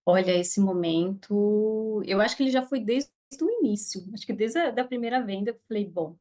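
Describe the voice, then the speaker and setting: This woman speaks in a mellow, mid-range voice at a moderate pace. A guest on a casual podcast interview, she's an affiliate marketer with a Brazilian Portuguese accent, earnest and reflective and prone to hesitant restarts.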